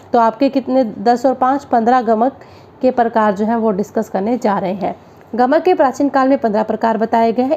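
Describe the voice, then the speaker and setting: A woman gives an exam-prep music theory lecture, posing questions and then answering them herself. Her voice sits fairly high but sounds mellow and dark. She sings out note syllables as examples, and the recording is a little dull and lo-fi.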